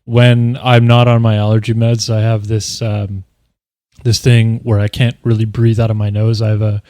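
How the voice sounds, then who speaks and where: A man in casual conversation, speaking deliberately with small pauses inside his sentences. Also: lowish voice, level tone, dark tone, no room sound, studio quality. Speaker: podcast cast member and audio editor. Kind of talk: casual chat.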